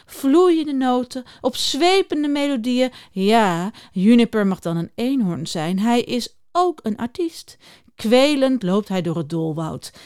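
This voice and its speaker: Lady reading a kids book out loud, super animated, kinda high voice. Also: no room sound, studio quality. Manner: expressive. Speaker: storyteller. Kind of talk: reading a children's story aloud.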